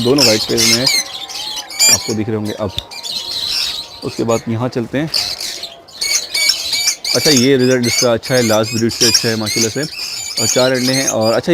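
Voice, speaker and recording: A man's voice: medium pitch, very noisy. A man giving an unscripted, filler-heavy walkthrough of his bird breeding setup outdoors, commenting casually as he goes. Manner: unscripted, says he talks fast, frequent fillers. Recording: loud bird chatter behind voice. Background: loud birds chirping and squawking.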